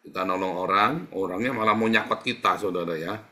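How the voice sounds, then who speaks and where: A male pastor preaching in casual, conversational style, asking rhetorical questions and answering them himself, swinging between loud emphatic peaks and quiet asides. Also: sits low, steady tone, fairly quick. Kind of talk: sermon.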